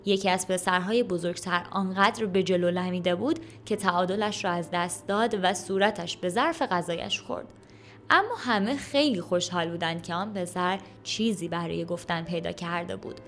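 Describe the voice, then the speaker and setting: A woman reading a children's story aloud as an audiobook narrator, calm and even. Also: on the low side, a little hiss or hum. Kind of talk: scripted narration.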